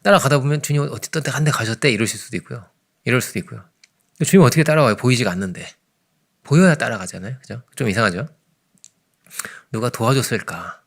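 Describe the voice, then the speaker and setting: A man delivers an early morning sermon in a loose, talking style, keeps asking his listeners to agree, and drops suddenly from raised emphasis to hushed murmurs. His mid-pitched voice has a rough, gravelly edge. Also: expressive, rapid-fire. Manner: conversational preaching, frequent "그죠?" asides, sudden swings between loud and hushed. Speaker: pastor.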